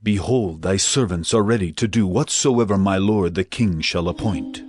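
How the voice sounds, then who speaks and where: A man's voice: low-pitched, normal speed, darkish tone, dry recording, clean studio sound. A man playing a loyal, deferential servant of a king in a dramatized Bible reading, speaking formally. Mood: loyal resolve.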